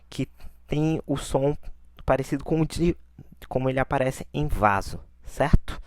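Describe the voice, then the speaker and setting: A man teaching an online lesson, explaining each point step by step and often checking in with a quick question. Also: medium pitch, no room sound, clean studio sound.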